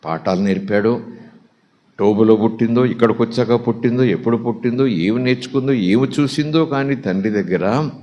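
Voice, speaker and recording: A man's voice: mid-range voice, brisk, mellow. Dramatic male Telugu preacher. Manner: dramatic storytelling, acts out quotes, exclamations of praise. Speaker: pastor. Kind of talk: sermon.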